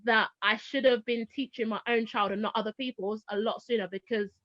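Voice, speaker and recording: Here a former teacher from Barbados, now homeschooling her kids, guests on a casual interview; she's in her thirties with a slightly high voice and a brisk delivery. She's a lively storyteller who performs the voices of the people she quotes, recorded in dull, dry lo-fi with no room sound.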